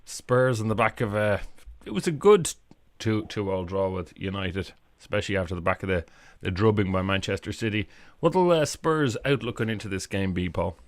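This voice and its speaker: Man, podcast host, dry close sound, low voice, jokey. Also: expressive, moderate pace, few pauses, dry recording. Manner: joking, leads the discussion. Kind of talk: casual football chat.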